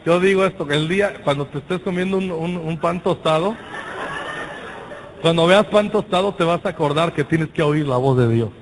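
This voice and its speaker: Animated Mexican man preaching. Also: on the high side, normal speed, background noise. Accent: Mexican Spanish. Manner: animated storytelling with shouted exclamations and slang. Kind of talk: sermon with personal story.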